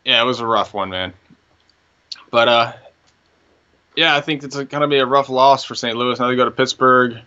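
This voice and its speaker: A man co-hosting a casual fantasy baseball podcast, talking through picks in a relaxed way, thinking aloud with fillers. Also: mid-range voice, moderate pace, pauses often. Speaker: fantasy baseball analyst co-host. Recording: dull lo-fi audio.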